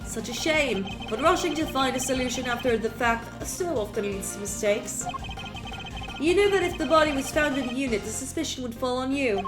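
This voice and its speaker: A woman voicing a formal, composed male prosecutor in a mystery game, speaking in a measured, dry way, with music under her. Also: high voice, animated.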